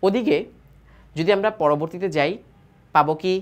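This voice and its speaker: A man from Bangladesh teaching tajweed. He spells out each letter, drawls the joined words slowly, and asks himself questions that he then answers. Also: a little high, very noisy. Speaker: Quran recitation teacher. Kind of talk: tajweed lesson, spelling and reading aloud.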